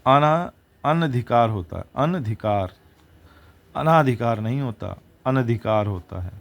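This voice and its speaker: A man's voice: medium pitch, lively intonation, unhurried, creaky. A man teaching exam vocabulary, reciting words and their opposites one after another and correcting himself as he goes.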